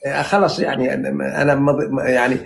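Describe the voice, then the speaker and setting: A man in his sixties from central Saudi Arabia with a Najdi accent, interpreting dreams in a rambling, flattering live chat full of fillers and restarts. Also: medium pitch, fast, vocal fry. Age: 60s. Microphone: phone on a live stream.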